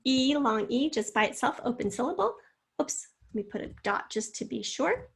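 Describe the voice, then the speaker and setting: Woman teacher slowly sounding out words. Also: a little high, lively intonation, creaky, breathy edge. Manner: slow, drawn-out sounding out of words; encouraging, addresses students directly. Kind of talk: spelling lesson.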